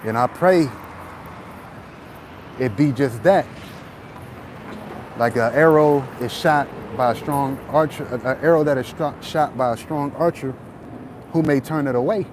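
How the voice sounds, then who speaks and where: A man giving a casual, halting religious monologue while walking, repeating phrases as he goes. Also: mid-range voice. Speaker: religious vlogger. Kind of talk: casual walk-and-talk preaching monologue. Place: outdoors on a street with passing trucks. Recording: noisy outdoor street, passing traffic. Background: traffic and vehicle noise.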